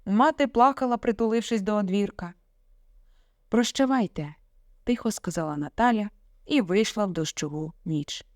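Brief: woman story narrator, mid-pitched, steady dramatic reading, dry close mic. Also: a little fast, no room sound.

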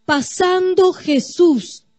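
A woman's voice: extremely high pitch, drawn-out words, mellow, no echo. A woman pastor preaching a sermon, addressing the congregation directly with emphatic, repeated phrases. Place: church.

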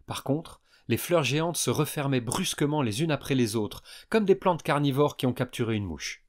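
A man calmly narrating a science fiction audiobook for young listeners. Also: medium pitch, normal speed. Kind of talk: scripted narration.

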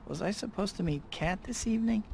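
A man's voice: high voice, normal speed, vocal fry, noisy background. A man playing a young, quippy, sarcastic masked superhero in a video game, cocky yet full of self-doubt. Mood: downcast.

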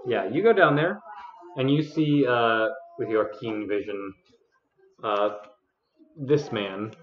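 A man narrating a tabletop game as game master, describing things deliberately, phrase by phrase. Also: mid-range voice. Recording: dull, echoey video-call audio.

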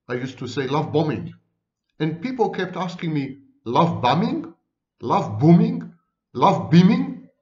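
A man with a thick foreign accent lectures on psychology, and his pitch rises and falls widely. He is emphatic and lists words one at a time with pauses between them. The sound is roomy and a little dull, like a lo-fi recording. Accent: foreign accent, non-native English. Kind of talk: lecture to camera.

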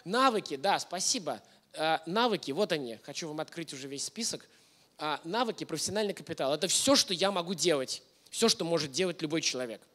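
This masterclass lecturer, a man who seems to be in his thirties, speaks a little high with an expressive, brisk, bright and forceful tone. He talks informally to his audience from a stage before a projection screen in an indoor hall, often quizzing them.

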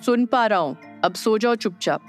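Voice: medium pitch, animated, moderate pace, faint music behind, lightly acted. A narrator voicing an irritable, sarcastic young male spirit in an audio drama. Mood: snappish. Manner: snappish, sarcastic.

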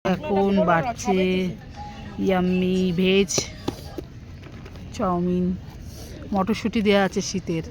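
Over music, a woman speaks in a lowish voice with little pitch movement, taking it slowly and pausing often. She's in her thirties, from West Bengal, and casually vlogs on a handheld phone, chatting about the outing as she walks with friends beside a lake.

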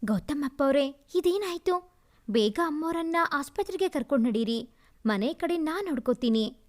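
A woman's voice: high voice, animated, moderate pace. A woman playing a fussing older housemaid. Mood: concerned. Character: older housemaid, homely and concerned.

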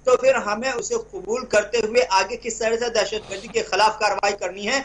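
A young man giving live news analysis over a remote link as a correspondent, halting and repeating words. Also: high-pitched, steady tone, a bit bright.

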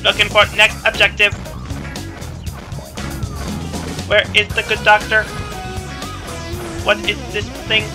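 A man's voice: high voice, completely flat delivery, moderate pace, music in the background. A man voicing a glitching male combat robot that loops commands and error messages while playing a game. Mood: flat robotic. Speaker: let's play commentator. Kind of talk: voicing a game character over gameplay.

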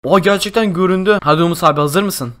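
A young man hosting a Minecraft role-play, talking in an excitable, exclamatory way. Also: high voice, fast talker, a little hiss or hum. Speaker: gaming YouTuber host.

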